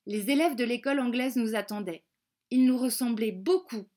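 A woman reading a children's storybook aloud, slow and careful, repeating words for young learners. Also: a little high, dark tone. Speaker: audiobook reader.

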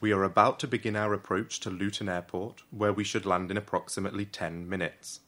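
Man playing an airline captain, cabin announcement, formal, measured, lowish voice, storybook reading. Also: fairly even intonation, fairly bright tone. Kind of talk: audiobook reading.

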